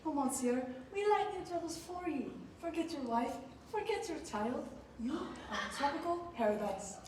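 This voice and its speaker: A woman's voice: high voice, normal speed, noisy background, close to an everyday voice. A teenage girl playing a fawning maître d' with a put-on French accent. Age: teens. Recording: echoey hall from far off.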